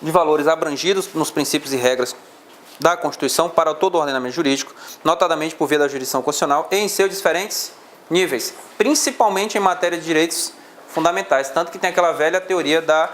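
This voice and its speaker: A man's voice: on the high side, fast talker, fairly bright tone, a little hiss or hum. A male law teacher with a Brazilian Portuguese accent, lecturing a class on exam questions and explaining step by step.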